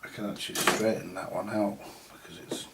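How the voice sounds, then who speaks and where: In a very noisy recording, a British vintage radio repairer briskly mutters his way through a hands-on fix, colloquial and mildly grumbling as he thinks aloud. His voice is on the low side, delivered flatly.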